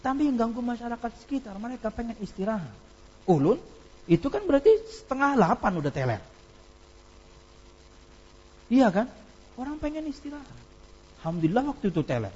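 A man's voice: very high-pitched, sing-song, a little fast, pauses often, a little mellow, husky, dull audio. A man giving an informal religious lecture, telling anecdotes with laughter and reciting Arabic passages. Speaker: preacher.

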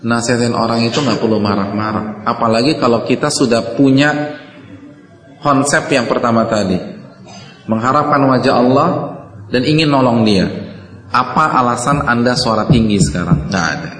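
A male preacher lectures a gathered congregation in a mid-pitched voice. He keeps asking his listeners questions and drops in Arabic quotations. His voice rings through a large hall with a long, roomy reverb. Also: moderate pace, fairly bright tone.

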